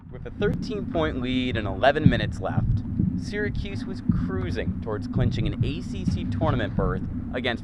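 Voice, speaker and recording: A man at a medium pitch works as a sports anchor and reporter, narrating broadcasts and bantering at the desk. His delivery is playful and emphatic, and heavy background noise runs through the clip.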